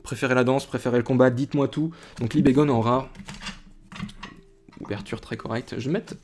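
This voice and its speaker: A man's voice: medium pitch, fairly even intonation, fairly quick, a little mellow, slight background noise. Chatty young man unboxing cards. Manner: chatty, rambling with many restarts and fillers. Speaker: YouTuber opening card boxes. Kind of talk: casual chat to camera.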